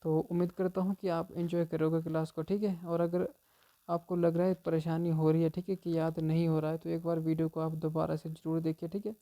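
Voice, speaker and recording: A man with a gravelly, dark-toned voice coaches exam students on memory tricks, keeping it loose, chatty and informal. He checks in with "theek hai" after almost every phrase, repeating it constantly. His delivery stays flat and even with little rise or fall, at a fairly high pitch and a slightly fast pace.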